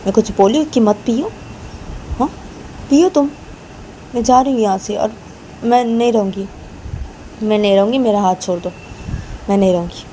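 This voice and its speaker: A woman's voice: medium pitch, moderate pace, pauses often, warm tone, slight background noise, lightly acted, poor audio. A woman voicing a hurt young woman who curtly demands her hand be let go and says she is leaving. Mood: angry. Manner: curt, repeats demands to let go. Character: hurt, angry young woman wanting to leave.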